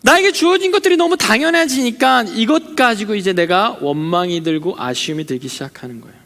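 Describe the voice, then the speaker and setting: A young man preaching to a young adults service in a high, bright voice. His pitch swings widely as he acts out complaints and prayers and tells stories from his own life. Long reverb from the hall trails behind his words. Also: fairly quick. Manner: animated, acting out quoted complaints and prayers; conversational, with personal stories and questions to listeners. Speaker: junior pastor. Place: church hall.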